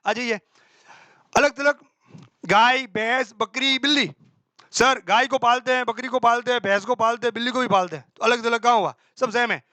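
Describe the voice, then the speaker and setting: Bright high-voiced male accounting teacher. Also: no echo. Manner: quizzes himself aloud, answering in a student's voice; brisk and colloquial, with homely examples. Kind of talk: exam-prep accounting class.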